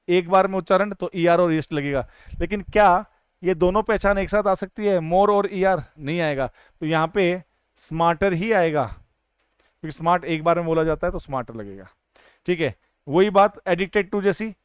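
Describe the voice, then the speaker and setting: A man teaching an exam-prep grammar lesson. He asks questions and answers them himself, and draws out his English example sentences slowly. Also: sits high, clear, resonant tone, no echo.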